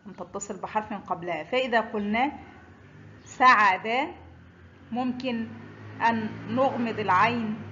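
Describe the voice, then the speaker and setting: A woman teaching the Arabic alphabet, saying each letter and example word slowly and distinctly. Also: fairly high pitch, muffled recording, slight background noise. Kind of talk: slow, deliberate pronunciation lesson.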